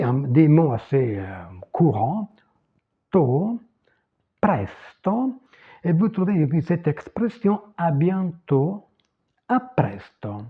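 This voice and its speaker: Guy teaching a language at a whiteboard, slightly high voice, thin phone-ish sound. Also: husky, narrow, tinny audio. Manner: slow, lively, modeling pronunciation word by word.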